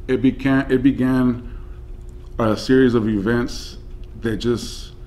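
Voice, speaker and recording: A man in his forties, a senior supervisor, speaking in a measured, reflective way in a seated office interview. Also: medium pitch, steady tone, a little mellow. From United States. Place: office with flag and plant.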